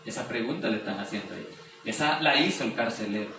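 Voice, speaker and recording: A man's voice: lowish voice, animated, fast talker, creaky. A man preaching a sermon, explaining scripture, reading verses aloud and asking rhetorical questions. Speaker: pastor. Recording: very echoey room, distant mic, faint noise.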